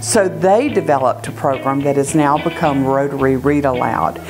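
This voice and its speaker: An older woman of great-grandmother age speaking as a volunteer in a conversational, personal testimonial style. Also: low voice. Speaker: volunteer reader speaking about a community reading program. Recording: music bed under the voice.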